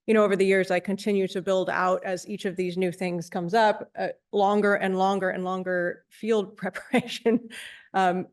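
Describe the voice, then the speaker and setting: A woman on a discussion panel, answering in a measured, thoughtful way. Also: mid-range voice, little pitch movement. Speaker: panelist, field researcher.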